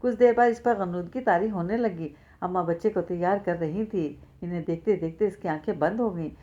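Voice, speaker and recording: A woman narrating a novel in an even, steady storytelling voice. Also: fairly low pitch, fairly quick, highs cut off. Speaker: audiobook narrator. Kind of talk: reading a novel aloud.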